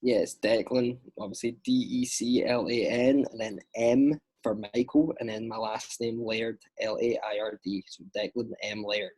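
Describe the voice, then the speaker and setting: A young Scottish man, an actor guest, chatting casually on a podcast with lots of fillers and lively storytelling. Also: on the low side, moderate pace, hardly any pauses, breathy edge.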